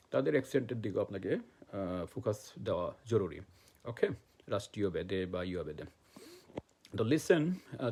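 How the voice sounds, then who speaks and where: Male teacher, gravelly husky voice, relaxed rambling lesson with fillers and constant check-ins. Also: mid-range voice. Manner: loose, repetitive teaching with many fillers and "okay?" checks. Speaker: English teacher. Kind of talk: casual spoken lesson. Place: lives in the United States.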